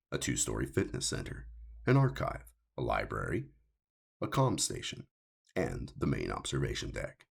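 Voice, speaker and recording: Narrating a science fiction story he wrote himself, this man reads from a script at a measured, deliberate pace. His tone is husky and gravelly, with a low rumble.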